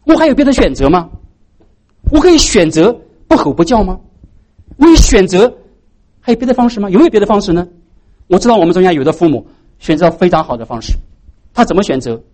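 A man's voice: high-pitched, big pitch swings, quick pace, pauses often, darkish tone. A man preaching a sermon as pastor, posing rhetorical questions to the congregation.

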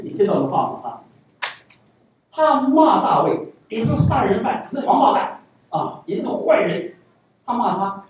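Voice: mid-range voice, darkish tone. A pastor preaching a sermon, repeating phrases and putting rhetorical questions to the congregation. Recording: echoey hall, voice from far off.

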